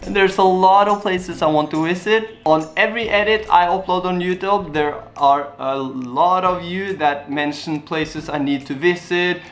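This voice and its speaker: With a high, rather bright voice, a young Norwegian vlogger answers questions from his viewers. His Norwegian-accented talk to camera is casual, earnest and rambling, with simple phrasing throughout.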